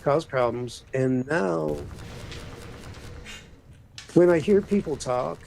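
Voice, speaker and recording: A man's voice: fairly high pitch, slow pace, vocal fry, a little mellow, a little hiss or hum, rough recording. A man hosting a casual spiritual chat, rambling with many restarts and trailing off.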